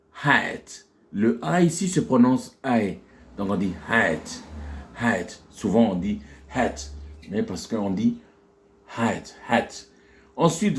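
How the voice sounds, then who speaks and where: A man's voice: mid-range voice, mellow. A man teaching a phonetics lesson, explaining with many fillers and restarts and stretching out English words to model their pronunciation.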